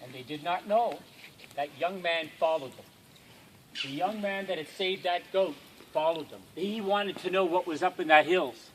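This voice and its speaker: A man telling a campfire story at a camp, dramatic and swinging from hushed to loud. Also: sits high, moderate pace, a little hiss or hum, low-quality recording.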